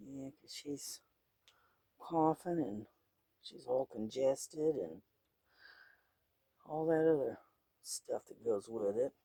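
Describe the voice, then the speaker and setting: Wheezy, gravelly, slow-talking man. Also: medium pitch, expressive, dark tone, no echo. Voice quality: wheezy, congested, breathy rasp. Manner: unhurried, folksy, halting. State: congested, wheezing, clearing throat often. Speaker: painting vlogger. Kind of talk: casual rambling chat while painting.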